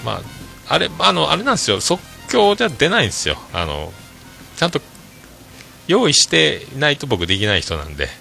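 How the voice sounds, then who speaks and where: A man's voice: fairly high pitch, huge pitch swings, brisk, creaky, bright, forceful tone, faint music behind. A man hosting a casual podcast, chatting and reading out listener messages, with frequent filler tags and self-deprecating asides. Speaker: podcast host.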